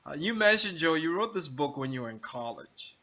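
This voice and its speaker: A man hosting a casual author interview, upbeat and quick to laugh. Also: fairly high pitch, big pitch swings, pushed and bright, highs cut off. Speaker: interview host.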